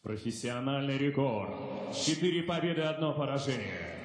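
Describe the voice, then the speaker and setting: A man working as a boxing ring announcer, formally presenting fighters and theatrically stretching out their names in a rising shout. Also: medium pitch, lively intonation, normal speed. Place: live fight arena over PA system. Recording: echoey arena with background noise.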